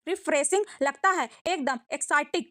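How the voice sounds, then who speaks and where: A confident young noblewoman, vain and teasing, speaking in a bright, high voice, as a woman narrator puts her on. The sound is close and dry. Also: moderate pace, no echo. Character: young noblewoman, vain, bold, self-assured.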